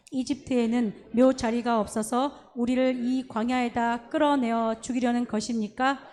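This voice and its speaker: A woman reads scripture aloud to a congregation in a fairly high voice. Her delivery is steady and even. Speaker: scripture reader.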